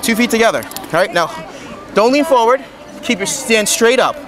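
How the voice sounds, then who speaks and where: At a convention booth in a large indoor hall, a product demonstrator gives an informal hands-on demo, insistently repeating short commands in an extremely high, expressive voice at normal speed. The camera is a few metres away, and crowd noise from the busy hall fills the recording.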